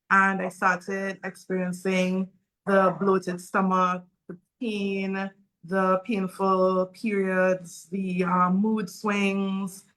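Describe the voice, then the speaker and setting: A woman's voice: mid-range voice, a bit bright, rough recording. A woman in her forties from Saint Vincent and the Grenadines, telling her personal story earnestly and openly as a panel guest. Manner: earnest, open, with frequent um fillers. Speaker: guest speaker.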